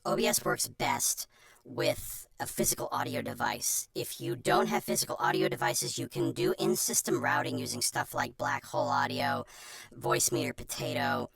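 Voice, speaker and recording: A streamer with an artificially pitch-shifted chipmunk voice gives an informal, self-deprecating how-to presentation in a chatty manner. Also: very animated, normal speed, fairly bright tone, dry recording. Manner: chatty, self-deprecating, breaks off into muttered asides. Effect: pitch shifter giving a chipmunk voice.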